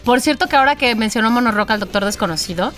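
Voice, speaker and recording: Lively, teasing woman podcast host. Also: fairly high pitch, fast, soft background music. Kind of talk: casual podcast chat.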